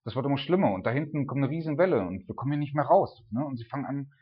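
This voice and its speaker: A man delivers a sermon in an informal, talky way, checking in with listeners through a constant "ne?". His voice sits at an ordinary middle pitch and swells to loud cries in the dramatic retellings. The recording is dull and lo-fi. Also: animated, very fast. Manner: informal, keeps adding "ne?", builds to loud cries when retelling the storm. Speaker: preacher.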